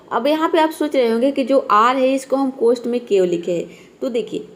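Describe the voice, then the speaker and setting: Woman English teacher, slightly high voice, gravelly fry, patient, repeats herself, asks and answers questions. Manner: patient, repeats each point with rhetorical questions. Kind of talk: spoken English lesson.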